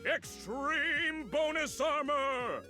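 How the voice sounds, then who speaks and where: A man's voice: very high voice, very slow, pushed and bright, full character voice. An actor playing an armored loot salesman in a video game, using an over-cheerful customer service voice. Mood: eager pitching. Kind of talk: video game character acting. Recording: game audio with background music.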